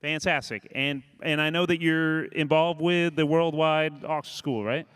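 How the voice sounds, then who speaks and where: A man's voice: a little high, steady tone, measured pace, a bit bright, clean tone, dry recording, clean studio sound. A man hosting a casual broadcast interview. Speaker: interview host.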